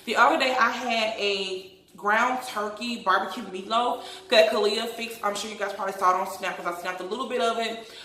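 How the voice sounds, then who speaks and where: A bright-voiced woman talks with braces, giving her speech a noticeable lisp. She chats casually in a rambling vlog style, recorded in a roomy, echoey space. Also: mid-range voice, fairly even intonation, brisk. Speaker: vlogger. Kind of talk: casual chatty vlog to followers.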